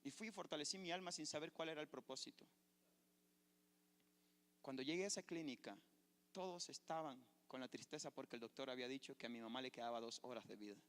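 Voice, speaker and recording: Fervent pastor in an echoey church. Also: male voice, medium pitch, quick pace, a bit bright. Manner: fervent preacher, storytelling testimony. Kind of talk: sermon. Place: church sanctuary.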